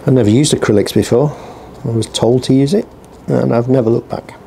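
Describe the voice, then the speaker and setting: A man with a medium-pitched, gravelly, dark voice talks a little fast over slight background noise. He's a small business owner vlogging from his workshop, rambling casually with dry, self-deprecating humour as he works at his bench. A heater runs in the room, and the mic sits on the bench below him.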